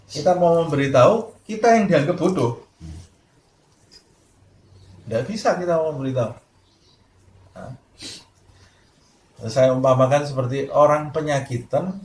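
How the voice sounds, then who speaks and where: Guy preaching, acts out little dialogues, roomy echo and a bit of hiss. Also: mid-range voice. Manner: lively storytelling, acting out quoted dialogue. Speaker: Islamic preacher. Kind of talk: sermon. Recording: echoey room with faint noise.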